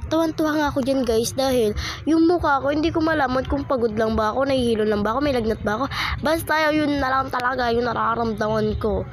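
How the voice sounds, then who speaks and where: Young female vlogger, high voice, congested from a cold, playful, teasing chatter, faint background hiss. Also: quick pace. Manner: playful, teasing, frequent laughing asides. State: stuffy nose from a cold. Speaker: content creator. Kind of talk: casual vlog chat.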